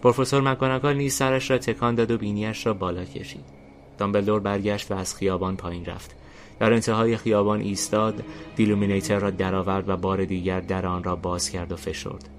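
A man narrating a fantasy story in a steady, deliberate reading style. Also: on the low side. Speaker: narrator and host. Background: faint music.

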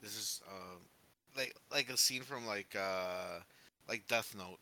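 A man's voice: fairly low pitch, slow pace, sharp tone. A man co-hosting a podcast, chatting casually about a film in a rambling way with many fillers. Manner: rambling, heavy on fillers, laughs often. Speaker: podcast co-host. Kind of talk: casual movie review chat.

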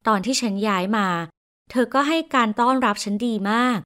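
A woman voicing a kind, serious man in his forties, speaking slowly and gently in a storybook reading. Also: a little high, clear, resonant tone, close to an everyday voice. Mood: gentle. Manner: slow, careful and gentle. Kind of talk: storybook narration.

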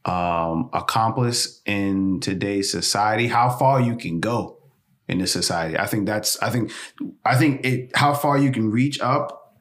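A man talking slowly and haltingly in a casual podcast debate, restarting his thoughts. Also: fairly low pitch, fairly bright tone.

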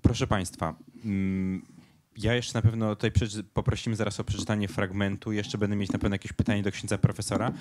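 A man moderates a book launch. He speaks hesitantly, with frequent fillers. His voice sits low. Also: little pitch movement, fairly quick, darkish tone, slight background noise.

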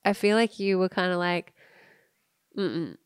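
Australian woman, podcast co-host, slow relaxed pace, frequent laughter, dry recording. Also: mid-range voice, no echo. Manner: laughs often, drawn-out storytelling. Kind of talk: casual chat.

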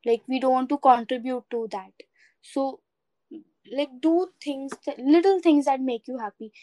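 A woman with an Indian accent speaks in a fairly high voice, recorded close and dry. She chats casually and earnestly as a co-host, offering encouragement and mixing in bits of Hindi. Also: moderate pace, mellow, no echo. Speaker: podcast co-host. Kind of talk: casual reflective chat mixing English and Hindi.

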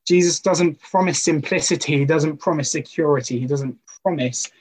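Husky man giving a casual sermon. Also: a little high, normal speed, darkish tone, rough recording. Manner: conversational, with personal stories and rhetorical questions. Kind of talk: informal sermon talk.

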